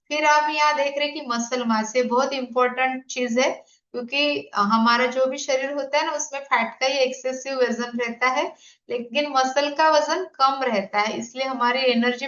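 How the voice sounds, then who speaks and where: Her voice high and a little bright, a health coach in her 50s explains slides during an online talk, asking the audience questions. The recording has a dull, echoey, lo-fi room quality.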